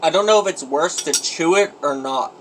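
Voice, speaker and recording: A man vlogging a gross eating challenge, his voice sitting a little high for a man. He moans, grumbles and over-dramatizes his suffering between bites. It is a casual phone recording at home with a faint hum of noise underneath. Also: normal speed, fairly bright tone, low-quality recording. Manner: groaning, self-pitying and exaggerated.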